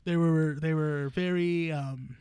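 A man's voice: on the high side, slow, smooth, no echo. A man in his late twenties co-hosting a podcast, chatting casually and rambling with lots of fillers. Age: 20s. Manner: rambling, filler-heavy, animated storyteller. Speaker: podcast co-host. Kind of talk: casual chat.

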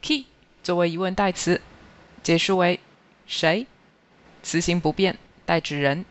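Teacher voice for a scripted grammar review, mid pitch, slightly muffled lo-fi sound, measured and careful. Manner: slow, even, careful reading of word lists. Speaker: language teacher. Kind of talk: scripted grammar lesson narration.

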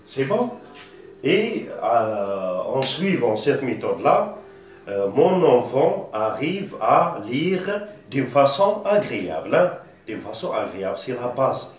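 A man's voice: mid-range voice, big pitch swings, slow. A male teacher with an Algerian French accent giving a patient reading lesson, spelling out syllables with frequent hesitations. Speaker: primary school teacher. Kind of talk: slow classroom-style reading lesson. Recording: echoey room, distant dull mic.

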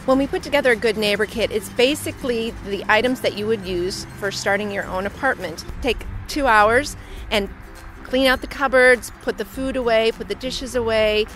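A woman in her fifties, a church volunteer talking in a friendly, brisk way on a street corner. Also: fairly high pitch, fairly bright tone, faint music behind. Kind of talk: casual outdoor talk to camera.

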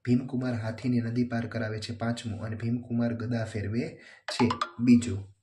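A man going through a children's workbook as a teacher, reading questions and their answers aloud in a steady, plain way. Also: mid-range voice, moderate pace, noisy background.

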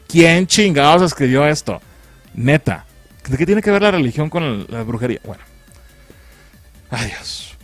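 A man with a Mexican accent giving a crude, mocking, slang-filled comedic film recap. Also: medium pitch. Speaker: film critic.

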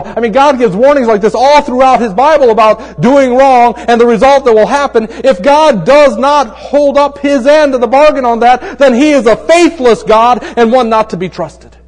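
A pastor with a strikingly high male voice gives a laid-back, conversational sermon, telling jokes in an easy storytelling style and posing pointed rhetorical questions. He frequently lowers to a hush to drive his points home, and a long reverb tail trails his words.

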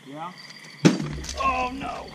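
Catching catfish by a river at night, a fishing vlogger gives excited, casual commentary as he reels them in. He draws out his words over heavy background noise, recorded on an action camera that is sometimes distant.

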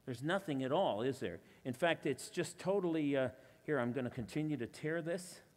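A man running a stage illusion act, talking to a volunteer in a relaxed, self-mocking way. His voice sits a bit high, and it rings with the long reverb of a church hall. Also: normal speed. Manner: chatty, self-deprecating, playful asides. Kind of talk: live magic show patter with audience volunteer. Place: church hall before a live audience.

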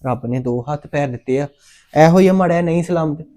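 A man's voice: a little high, fairly quick, warm tone, natural voice. A man with a Punjabi accent playing a young adopted son who is ashamed and insists on leaving home. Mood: hurt pleading.

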